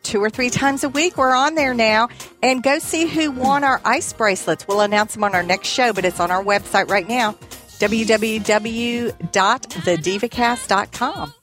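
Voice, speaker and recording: Woman co-host, breezy plug-reader, slightly high voice. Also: normal speed, a bit bright, faint music behind. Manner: breezy, with many okays and anyways. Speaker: podcast co-host. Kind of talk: casual chat, reading out voicemails and plugs.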